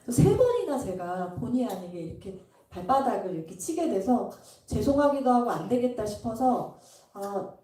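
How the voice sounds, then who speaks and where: A woman's voice: a little high, very animated, normal speed, mellow. Woman giving a testimony in an echoey hall. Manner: storytelling, acting out quoted dialogue. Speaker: pastor's wife giving a testimony. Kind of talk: church testimony. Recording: echoey hall, mic at a distance.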